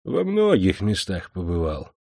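A sly steward, voiced by a male narrator, answers modestly and evasively, keeping his tone calm. The recording is dry and close. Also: deep voice, measured pace, gravelly, dry recording, full character voice.

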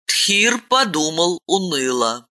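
A woman narrating a story in an expressive, dramatic reading. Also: lowish voice, slow pace. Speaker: audiobook narrator. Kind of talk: scripted narration.

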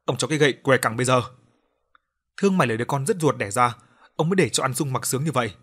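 A man's voice: medium pitch, animated, fast, fairly bright tone, breathy edge. A man doing a furious, cursing village chief. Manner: cursing, threatening, bellowing. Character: foul-mouthed older village chief, bullying and furious. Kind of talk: audiobook character voice.

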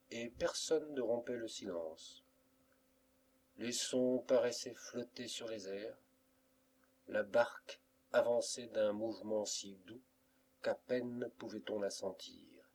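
A man reading a classic novel aloud as an audiobook, in a measured literary way. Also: mid-range voice, a little mellow, breathy edge. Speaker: audiobook reader. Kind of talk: scripted narration of a classic novel.

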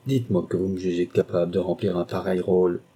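A man's voice: sits low, flat delivery, fast talker, dark tone, slightly rough. A man reading a passionate young woman governess in an audiobook, impassioned and pleading. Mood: anguished.

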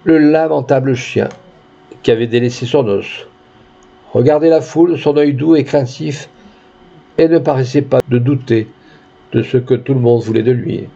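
A man narrating a classic short story in an expressive storytelling manner. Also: mid-range voice, moderate pace, vocal fry, long pauses, lo-fi sound. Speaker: audiobook narrator.

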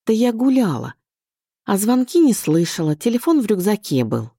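A woman reading an audiobook, voicing a stubborn, teasing young woman who is quick to argue. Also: medium pitch, very animated, warm tone, breathy edge, no echo, clean studio sound, pitched above the performer's own voice. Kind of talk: audiobook character voice.

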